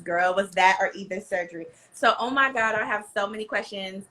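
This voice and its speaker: A woman's voice: medium pitch, a little fast, pushed and bright. An American woman hosting a casual live interview with slangy, effusive hype. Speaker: host.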